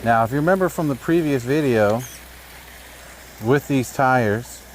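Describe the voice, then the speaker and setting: A man talks casually as he narrates an outdoor hobby vlog. His voice sits at a medium pitch, caught by a neck-mounted camera in low sample rate audio, with faint ambient noise behind him. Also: measured pace, poor audio. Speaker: RC crawler hobbyist host. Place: outdoors on a trail. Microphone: camera on neck mount, no external mic.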